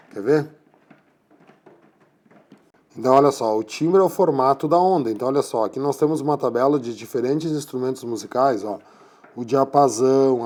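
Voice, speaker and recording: A man's voice: medium pitch, dark tone. A man giving a classroom physics lecture, explaining patiently and checking in with his students after nearly every point. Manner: explanatory, repeats tags like "tá?" and "né?". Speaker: physics teacher.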